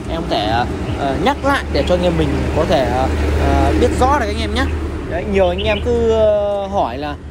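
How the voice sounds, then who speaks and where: A fast, chatty young man from Vietnam pitches his birds in a casual vlog, peppering every phrase with fillers and direct calls to his viewers. His voice sits a little high for a man. Loud background noise runs under everything he says. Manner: chatty, many fillers and repeated address to viewers. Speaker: bird seller, channel host.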